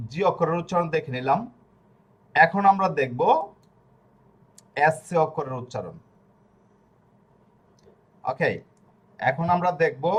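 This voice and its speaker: Repetitive man teaching a language lesson. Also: a little high. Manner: repeats each point slowly, asks and answers his own questions.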